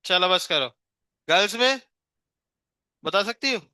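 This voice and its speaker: Bright-voiced teasing male physics teacher. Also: sits high, lively intonation, a little slow, smooth, no room sound, clean studio sound. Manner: teasing, coaxing a shy student, counting aloud. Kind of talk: live classroom lecture.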